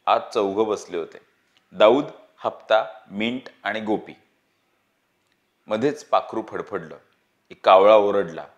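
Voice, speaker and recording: Low-voiced man reading a novel aloud. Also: takes it slowly, long pauses, dull audio. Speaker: book reader.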